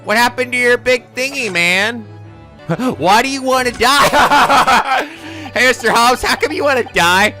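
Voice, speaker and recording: A woman's voice: on the high side, unhurried, long pauses, sharp tone, faint music behind. A woman giving casual, goofy, playful commentary as co-host of a let's play. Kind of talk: casual joking game commentary.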